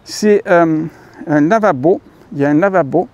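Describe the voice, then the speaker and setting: A French-accented man hosts his own YouTube channel, rambling casually with lots of fillers and self-corrections and calling viewers dear friends. His voice is fairly high and a little mellow, at a moderate pace, with the highs cut off.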